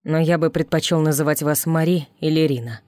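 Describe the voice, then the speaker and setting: Smooth flirty stranger guy in a storybook, read by a woman, low voice, slow and teasing, dry close sound. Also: fairly even intonation, dark tone, no echo, natural voice. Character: mysterious confident flirtatious man.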